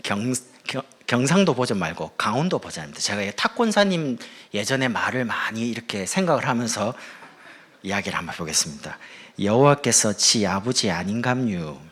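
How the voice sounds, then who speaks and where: A male pastor from the Gyeongsang region delivering a sermon with a slightly husky voice. His pitch swings widely as he preaches in a playful, lively way. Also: fairly quick. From Gyeongsang region, South Korea.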